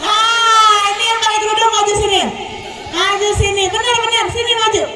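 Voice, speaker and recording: Speaking briskly in an extremely high voice that barely moves in pitch, a roughly thirty-year-old guest speaker jokes with and quizzes students during a school visit. The chatty, teasing talk echoes around a hall filled with crowd noise.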